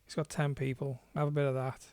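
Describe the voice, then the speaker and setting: A man's voice: medium pitch, flat delivery, brisk, dry recording. A man hosting a DJ livestream, chatting casually and swearing now and then between tracks. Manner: laid-back, swears casually, chuckles. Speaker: DJ and livestream host. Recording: music playing loudly underneath.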